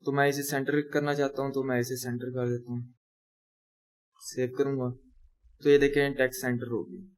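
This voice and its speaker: In this screen-recorded coding lesson, a young man talks through every step while typing, fixing his own slips as he goes. His mid-range voice stays level at a normal speed, broken by frequent pauses.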